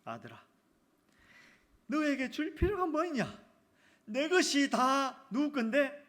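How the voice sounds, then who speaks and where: A man voicing a gentle older father, tenderly questioning his son. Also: extremely high pitch, sing-song, quick pace, voice pushed up, exaggerated voice.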